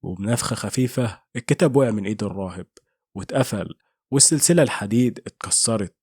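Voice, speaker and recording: Man, Egyptian accent, horror story narration, husky low voice, dry sound. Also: quick pace, dry recording. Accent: Egyptian Arabic. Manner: steady, suspenseful delivery.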